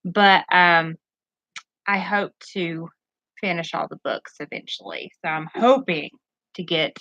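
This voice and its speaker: A tarot reader and streamer chats casually with her live-stream audience from her bedroom at home with pets nearby, slightly nervous, rambling and often losing her train of thought. Her voice is fairly low and fairly bright, at a measured pace, in a rough recording with no room sound.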